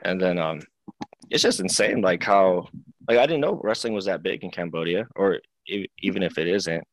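Young guy from seattle, really low voice, laid back chatty interview answers, lots of likes and ums, dry close sound. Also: moderate pace, no echo. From Seattle, United States. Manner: relaxed, chatty, many fillers and restarts. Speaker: professional wrestler, guest. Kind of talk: casual interview talk.

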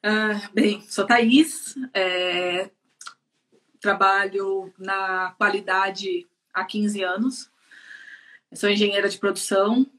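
A woman in her 30s from São Paulo state, Brazil, with a Brazilian Portuguese accent, chats as a guest on a live interview; she works as a production engineer. Her medium-pitched, fairly bright voice is slow and fairly even, laughing often and full of fillers, on a rough recording.

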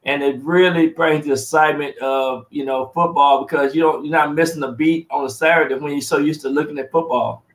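A man's voice: a little high, steady tone, brisk, few pauses, echoey room, low-quality recording. A man co-hosting a casual sports talk show, rambling and repeating words as he builds each point.

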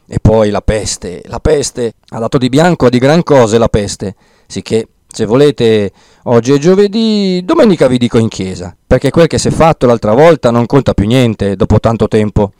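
A man's voice: medium pitch, normal speed, no room sound, studio quality, close to an everyday voice. A man voicing a fretful old village priest. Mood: placating. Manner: fretful, rambling, excitable. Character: timid fussy old male village priest. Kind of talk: audiobook character reading.

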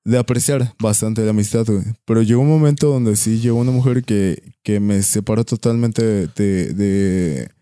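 A man's voice: on the low side, normal speed, hardly any pauses, mellow, clear, resonant tone, no echo, clean studio sound. Rambling slangy Mexican man. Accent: Mexican Spanish. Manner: rambling, slangy and jokey, with many restarts. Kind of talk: casual chat.

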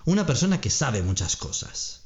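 Brief male quiz host, patient explainer, lively animated pitch. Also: dull audio. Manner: reads options slowly, explains grammar patiently, laughs often. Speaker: podcast co-host running a quiz. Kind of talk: slow, clear Spanish-lesson quiz chat.

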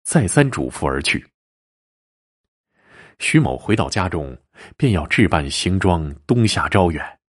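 Husky low-voiced male storyteller. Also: very animated, measured pace, long pauses. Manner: voices the dialogue with shifting pitch and softness. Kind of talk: storytelling narration of a classic tale.

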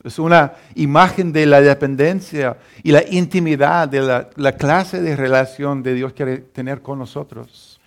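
Man, pastor, sermon, middle-aged, slightly high voice, halting delivery with restarts. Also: steady tone. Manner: halting, many restarts, chuckles at his own story.

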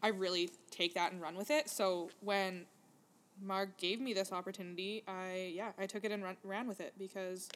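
A woman's voice: mid-range voice, fairly even intonation, moderate pace, fairly bright tone. Dry-humored young woman from Manitoba. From Manitoba, Canada. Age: 20s. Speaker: podcast co-host. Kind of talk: casual chat.

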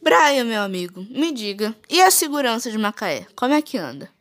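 A woman's voice: fairly high pitch, sing-song, normal speed, fairly bright tone. A woman presents a school geography podcast, reading her script in short phrases. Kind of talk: read-aloud school presentation.

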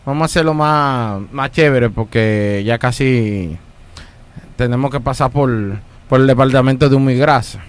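A man's voice: mid-range voice, normal speed, smooth. A man hosting a podcast, a teasing interviewer who keeps pressing the guests with questions. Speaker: podcast host. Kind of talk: casual podcast chat.

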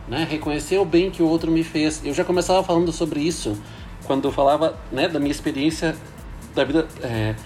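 A man's voice: a little high, darkish tone. A man, a priest speaking in a thoughtful, hesitant way with many fillers. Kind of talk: casual reflective talk.

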